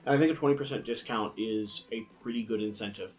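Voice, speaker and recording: A man's voice: lowish voice, darkish tone. A man hosting a casual board game review discussion, with a lisp that draws his s sounds out like a snake. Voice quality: lisp with drawn-out, hissy snake-like s.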